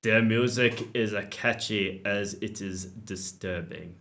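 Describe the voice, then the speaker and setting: Man doing a game barista, male, pun-loving, South African accent, mock-informative, slow delivery. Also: fairly low pitch, fairly bright tone. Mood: explaining.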